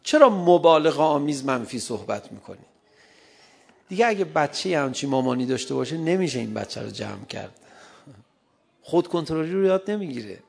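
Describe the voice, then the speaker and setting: Middle-aged guy lecturing a crowd, gravelly voice a bit on the high side, jokey, acts out little scenes. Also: animated. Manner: humorous, acts out little dialogues, laughs often. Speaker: speaker addressing an audience on parenting. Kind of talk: lively lecture.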